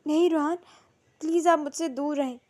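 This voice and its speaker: A woman's voice: high voice, fairly even intonation, darkish tone, pitched above the performer's own voice, close to an everyday voice. A woman voicing a tearful, frightened young bride who pleads between sobs. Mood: tearful pleading. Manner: pleading, sobbing.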